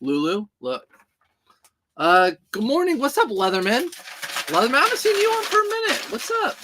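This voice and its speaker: A reseller in his thirties hosts a casual livestream, packing orders while joking and chatting at length with viewers. His voice is very high and swoops wildly in pitch, at a moderate pace. There's plenty of noise in the background.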